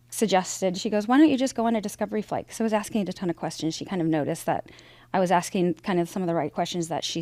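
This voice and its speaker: Speaking in a lowish, darkish voice with no echo, this Idaho-raised woman in her forties recounts her career as an aircraft sales director. She's an interview guest in a conversational interview, and she rambles along chattily, telling stories with plenty of fillers and false starts.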